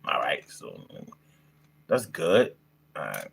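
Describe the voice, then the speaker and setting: Hosting a laid-back livestream, this man in his fifties swears heavily and uses brash street slang, hammering phrases home by repeating them. His voice is extremely low, husky and creaky, a bit bright, with huge swings in pitch and a slow delivery.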